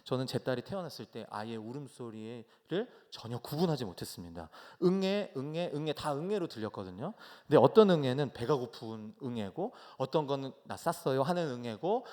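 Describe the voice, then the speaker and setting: Storytelling male pastor with loud bursts. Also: medium pitch, sing-song, fairly quick, few pauses. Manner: storytelling with sudden loud bursts and soft asides. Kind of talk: sermon. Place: church sanctuary.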